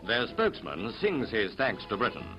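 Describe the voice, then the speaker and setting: A man's voice: fairly low pitch, wildly swooping pitch, normal speed, noisy background. A man narrating an old newsreel in an upbeat announcing tone, heard from a period newsreel soundtrack. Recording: dull lo-fi 1940s newsreel sound with music.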